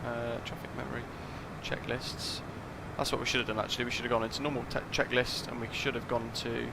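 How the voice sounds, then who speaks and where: A man's voice: mid-range voice, little pitch movement, fast, vocal fry, very noisy. A man casually talking through a flight sim live stream, thinking aloud and chatting with his viewers.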